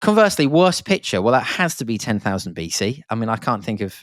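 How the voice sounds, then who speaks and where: A man's voice: medium pitch, very animated, quick pace, dry recording, clean studio sound. A man hosting a podcast, rambling and enthusiastic, with lots of fillers and restarts. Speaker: podcast host. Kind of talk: casual podcast monologue.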